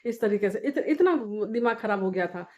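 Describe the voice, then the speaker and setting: A woman's voice: a little high, moderate pace. A young woman, venting animatedly in a casual daily vlog. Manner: animated, exasperated ranting. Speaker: vlogger, home beauty service worker. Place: Jaipur.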